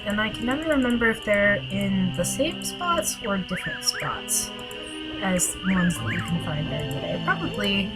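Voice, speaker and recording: A woman's voice: mid-range voice, low-quality recording. A woman streamer chatting casually to her viewers while playing a game. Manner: chatty, unhurried, talks to viewers. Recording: loud game music behind. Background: game music.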